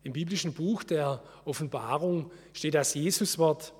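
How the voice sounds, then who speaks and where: A man giving an earnest, measured sermon as a preacher. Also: fairly high pitch, a little mellow, husky, big-room sound. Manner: earnest, measured preaching with slow solemn quotes.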